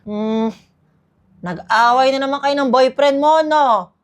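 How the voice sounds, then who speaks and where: A woman's voice: high-pitched, slow. A woman acting as a strict, nagging mother who lectures and scolds her daughter sarcastically in a comedy skit. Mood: scolding.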